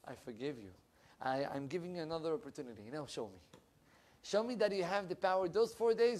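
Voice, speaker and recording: The Torah class comes from a young, higher-voiced male rabbi who lectures with great animation, big pitch and volume swings and lively gestures. He's miked with a lapel mic in a room of wood panels and bookshelves.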